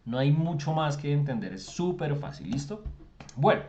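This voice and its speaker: A man's voice: on the high side, very animated, normal speed, darkish tone, muffled recording, a little hiss or hum. A man, teaching an online class and explaining with lots of rhetorical questions. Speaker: English tutor. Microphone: video call.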